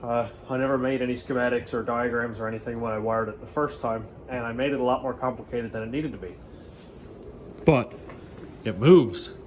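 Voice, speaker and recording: A man vlogging about building his hot rod, talking in a relaxed, rambling way with fillers, recorded on a camera mic outdoors and in a garage. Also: mid-range voice, a little fast. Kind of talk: casual shop vlog. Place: outdoors in wind and in a garage shop. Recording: noisy outdoor wind and traffic.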